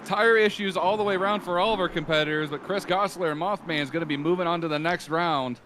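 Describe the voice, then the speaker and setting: A man's voice: high voice, quick pace, noisy background. A man doing easygoing, joking play-by-play commentary from a booth at a motorsport event. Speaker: race commentator. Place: commentary booth at a fairground track.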